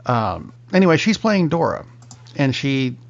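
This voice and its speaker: A middle-aged man hosts a film podcast in casual chat, steering the segments with dry joking asides. His mid-range voice is sing-song and creaky, moving at a measured pace. The audio is muffled and lo-fi.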